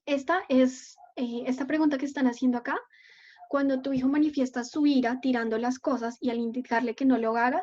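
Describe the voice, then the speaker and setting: A high-pitched woman speaks as a psychologist in a live online session, taking questions from the chat. She explains things patiently and keeps checking that her listeners follow. The sound is muffled, like audio from a video call. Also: darkish tone.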